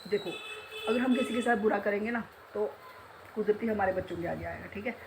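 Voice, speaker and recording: A woman's voice: mid-range voice, brisk, background noise. A middle-aged woman chatting casually in a home vlog, talkative and self-mocking, often breaking into laughter. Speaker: vlogger, beauty salon owner.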